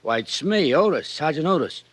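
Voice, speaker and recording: A man's voice: a little high, sing-song, normal speed. An actor playing a dim, needling, easily wounded male police sergeant, slangy and blustering, in 1940s radio style. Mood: taunting. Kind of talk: 1940s radio comic-relief acting.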